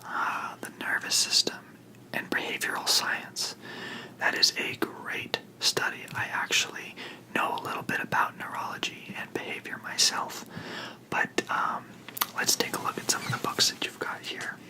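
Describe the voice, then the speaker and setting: A person in a whispered role-play as a librarian, speaking in a soft, breathy library whisper with polite, reassuring customer-service phrasing. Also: moderate pace, low-quality recording. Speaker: book club librarian helping a customer, role-played.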